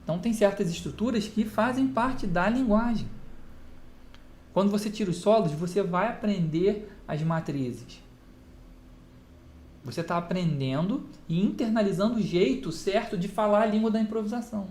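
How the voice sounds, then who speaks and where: A man's voice: high voice, normal speed, darkish tone. A man with a Brazilian Portuguese accent, a guitar teacher talking casually to camera and answering his own rhetorical questions. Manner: explains with rhetorical questions and everyday examples, answering them himself. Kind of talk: casual spoken lesson to camera. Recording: echoey room with faint ambient noise.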